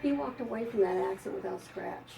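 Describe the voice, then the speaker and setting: A woman's voice: medium pitch, quick pace, creaky, warm tone, far from the mic, poor audio. An older woman, a psychic, telling rambling anecdotes to an audience with frequent laughs. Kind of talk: storytelling to an audience.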